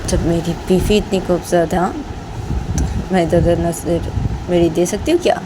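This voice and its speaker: A woman voicing a defensive young woman who pleads and coaxes her lover in a high, whiny voice, repeating "kya hai?". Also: fairly even intonation, moderate pace, background noise, natural voice. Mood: coaxing.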